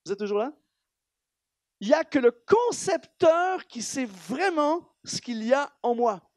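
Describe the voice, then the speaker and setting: A high-voiced man preaching with a Canadian French accent, animated and emphatic, firing off rhetorical questions at his congregation. His voice is recorded close and dry, with little room sound around it. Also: a little slow, no room sound. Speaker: guest preacher. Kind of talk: sermon. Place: church hall.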